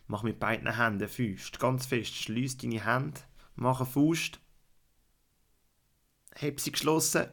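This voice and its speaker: A man with a Swiss German accent narrating a guided relaxation and sleep story, soothing, with repeated instructions that at times drop to a hush. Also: on the low side.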